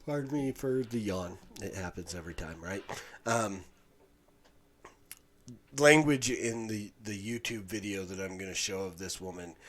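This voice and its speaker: A man hosting a podcast, giving a halting, indignant commentary with many restarts. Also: low voice. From Utah, USA. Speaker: podcast host. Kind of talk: casual commentary monologue.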